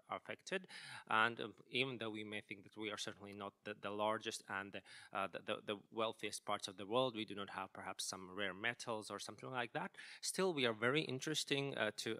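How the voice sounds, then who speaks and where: A man speaking as a panelist, hesitant and filling pauses with many ums and uhs. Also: fairly low pitch, bright, forceful tone. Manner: hesitant, many filler sounds. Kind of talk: panel discussion remarks.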